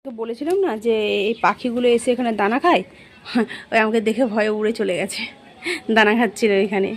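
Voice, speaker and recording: A woman's voice: on the high side, fast talker, poor audio. A middle-aged woman talking casually through a home vlog as she cooks and tidies, chatty and complaining, often correcting herself mid-word. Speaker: cooking vlogger. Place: at home, kitchen and rooms.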